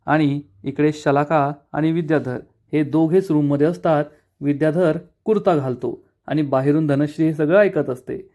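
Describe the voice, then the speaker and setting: A man's voice: fairly high pitch, moderate pace, lo-fi sound. A man recapping a television serial episode as a story, voicing each character himself.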